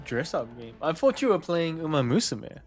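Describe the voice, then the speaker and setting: A man's voice: a little high, very animated, moderate pace, soft background music. A young man with a New Zealand accent chatting casually with stream viewers, easygoing, chuckling often and repeating words. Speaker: game streamer.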